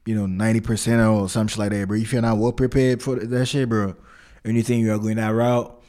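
A young man with a lowish voice and very little melody in it. He talks in a slangy frat-bro manner, casual and rambling, circling back over his phrases as he chats. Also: flat delivery, a little fast, a little mellow. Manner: frat-bro slangy talk, constantly saying "bro"; rambling, repetitive, loose phrasing. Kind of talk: casual conversation.

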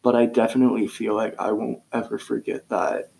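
Gravelly teenage boy, relaxed podcast chat. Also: fairly low pitch, fairly quick, low-quality recording. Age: teens. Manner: relaxed, rambling, searches for words. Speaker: podcast co-host.

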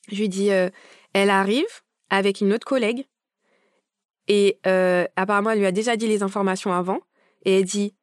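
A woman's voice: mid-range voice, dry recording, studio quality. A young adult woman telling her birth story casually, acting out the dialogue with emotion. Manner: animated, acts out quoted dialogue. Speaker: podcast guest.

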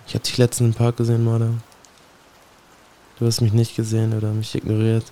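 A man's voice: mid-range voice, completely flat delivery, a little fast, dark tone. A man performing a spoken-word poem in a solemn, brooding way, speaking directly to someone he addresses. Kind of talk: spoken-word poetry recitation.

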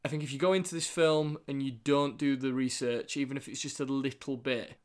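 A man's voice: mid-range voice, steady tone, a little fast. Northern English man, casual podcast host. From England. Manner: informal, sweary, jokey. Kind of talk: casual chat.

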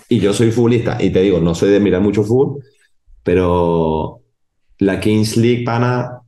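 A man's voice: sits low, roomy sound. A man, a footballer, telling stories in a casual podcast interview and acting out other people in quotes. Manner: animated storyteller, voices others in quotes. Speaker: footballer guest.

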